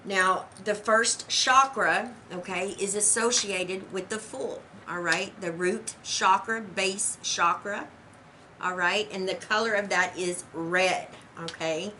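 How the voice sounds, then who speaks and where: A woman's voice: mid-range voice, steady tone, takes it slowly, pushed and bright, slight background noise, rough recording. Chatty woman teaching tarot. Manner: talkative, says "okay" after most sentences. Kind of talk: casual online lesson.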